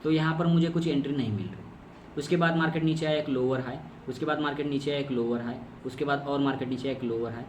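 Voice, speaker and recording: With a medium-pitched, steady, fast delivery, a man teaches trading strategy over a chart in a screen-recorded course lesson. He breaks it down step by step, repeats key terms, and asks himself questions, recorded on a distant mic in an echoey room with faint noise.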